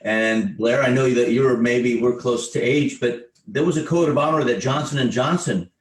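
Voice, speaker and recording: A man's voice: medium pitch, moderate pace. Man hosting a call from an echoey room. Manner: conversational, reads out questions. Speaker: host. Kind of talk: webinar moderation. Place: home in Australia or New Zealand. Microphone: video call.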